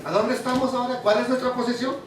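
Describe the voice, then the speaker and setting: His voice is very high, with little pitch movement and a quick pace, as this preacher teaches a sermon and frequently questions his congregation. The far-off mic captures a very echoey hall.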